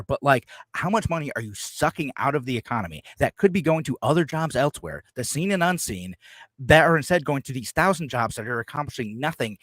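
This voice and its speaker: A man's voice: mid-range voice, dry recording. Man talking politics, dry close sound. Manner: many fillers and restarts, quotes others in voices. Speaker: podcast co-host. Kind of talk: casual political chat.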